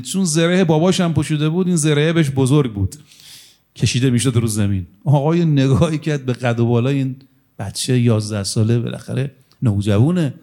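A man's voice: medium pitch, mellow. A man preaching a sermon, telling old stories with dramatic rises in intensity and quoting lines as he goes. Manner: dramatic storytelling, voices quotes with rising intensity. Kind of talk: sermon storytelling.

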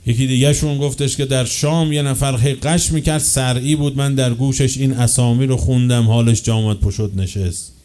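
A man preaching a sermon with passion, swinging from loud, slow declaiming to quick, quieter asides. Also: medium pitch, steady tone. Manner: chants quoted chains of narrators slowly.

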